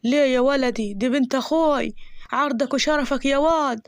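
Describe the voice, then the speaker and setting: A woman doing a calm traditional village father. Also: high-pitched, brisk, no echo, clean studio sound. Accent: Egyptian Arabic.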